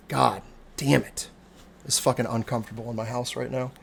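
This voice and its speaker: A man's voice: mid-range voice, a little slow, gravelly, slight background noise. A man in his forties from the Cincinnati area, chatting casually and rambling with lots of swearing and self-deprecating jokes. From Cincinnati area, USA. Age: 40s. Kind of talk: casual chat.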